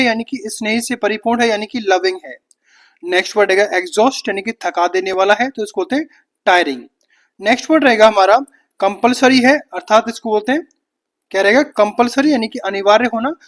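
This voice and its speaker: A man from India teaching exam vocabulary, running through a word list at a brisk clip and giving short glosses for each word. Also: sits high, fairly bright tone. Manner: brisk, repetitive word-by-word listing with quick glosses. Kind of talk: rapid vocabulary drill lesson.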